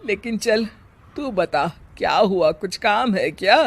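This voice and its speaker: A woman acts out an old mother-in-law in a domestic tale. She talks very slowly and grumbles in a plain-spoken, sardonic way, weary from housework and quick to scold. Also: mid-range voice, animated, husky. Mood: sardonic, surprised. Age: older.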